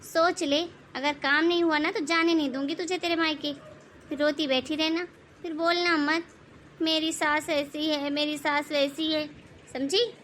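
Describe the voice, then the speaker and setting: A woman voicing a bossy, scolding mother-in-law in an animated moral story, with a taunting, commanding, sarcastic manner. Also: high voice, measured pace, slight background noise.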